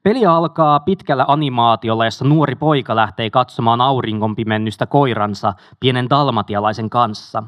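A man reads a memoir aloud at a steady, measured pace. His voice sits at an ordinary middle pitch, and he drops into a few casual asides. The sound is dry and close, with no room around it. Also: no room sound. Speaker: audiobook reader.

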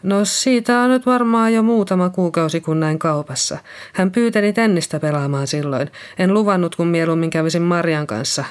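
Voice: mid-range voice, clean tone, lightly acted. An audiobook reader voicing a shaken middle-aged woman nurse who is being questioned by police, talking in a hesitant, apologetic way. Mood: nervous. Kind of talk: audiobook character reading.

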